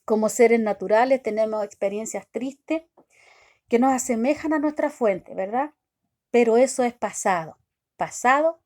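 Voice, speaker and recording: A woman giving a devotional sermon, talking haltingly with many restarts and constant questions tagged to her listeners. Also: on the high side, dark tone. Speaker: preacher.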